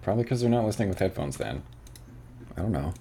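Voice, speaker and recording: A man's voice: deep voice, expressive, fast, warm tone, slight background noise. A man streaming live, chatting casually to viewers and grumbling and swearing when his calls go unanswered. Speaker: streamer making phone calls. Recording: clear music playing behind the voice. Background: music playing.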